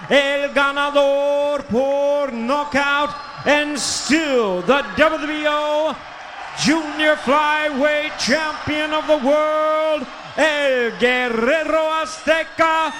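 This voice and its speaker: A man announcing in the ring in English and Spanish, booming and drawing out titles in a showy lucha libre style. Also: steady tone, over music, a crowd in the background. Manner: showy, drawn-out delivery of titles and names.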